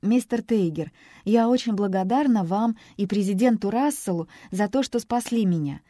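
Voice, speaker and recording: A woman's voice: medium pitch, normal speed, warm tone, dry recording, studio quality, voice pushed up, lightly acted. A woman voicing a shaken, tearful young woman who speaks in a trembling voice. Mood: embarrassed, polite. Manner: trembling, emotional.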